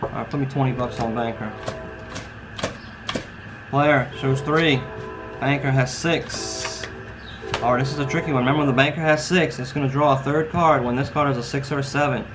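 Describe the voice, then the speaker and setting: A man's voice: mid-range voice, fairly even intonation, very fast, few pauses, music in the background. A man giving a casual tutorial in the manner of a casino croupier, calling out hands in clipped dealer phrases. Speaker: instructor demonstrating card dealing. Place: at a card table beside a brick wall and door. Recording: noisy, with ambient background sound.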